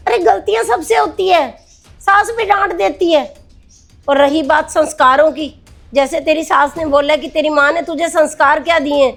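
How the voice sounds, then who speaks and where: Woman as a middle-aged mother, stern and caring, high voice, firm lecturing tone, family skit. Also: vocal fry, heavily acted. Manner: scolding then firm and reassuring.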